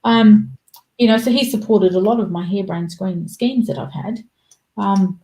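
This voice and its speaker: A woman's voice: mid-range voice, dark tone, echoey room, poor audio. A woman, chatting casually as a podcast guest and acting out quoted voices.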